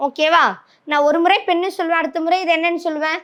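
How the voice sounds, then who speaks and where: A woman's voice: very high-pitched, steady tone, fast, a bit bright, highs cut off. A woman with a Tamil accent teaching an English grammar lesson, often stopping to ask the class if they follow. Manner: checks understanding with frequent "okay?".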